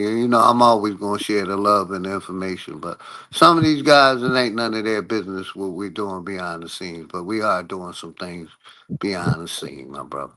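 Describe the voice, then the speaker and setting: A man's voice: low voice, sharp tone. A man in his sixties in a casual panel talk, rambling and hesitant with many fillers. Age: 60s.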